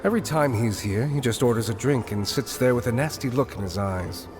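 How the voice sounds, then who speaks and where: A man's voice: mid-range voice, lively intonation, a little fast, darkish tone, natural voice. A man playing a world-weary, guarded underworld informant in an anime game dub, with a dry, cautionary way of talking. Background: game music.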